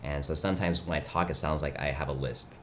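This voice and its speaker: A young man whose first language was Mandarin hosts a laid-back livestream, rambling easily and reading chat aloud as he talks casually. His voice sits extremely low, full of vocal fry with a nasal edge, and he talks fast with fairly even intonation. A faint hum of room noise lies beneath him.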